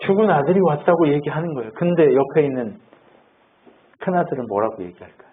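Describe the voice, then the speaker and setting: Male pastor, highish voice, animated preaching, acts out quotes, thin phone-like sound. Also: fast talker. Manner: acts out quoted Bible characters, rising to fervent exhortation. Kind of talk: sermon. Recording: tinny phone-like audio.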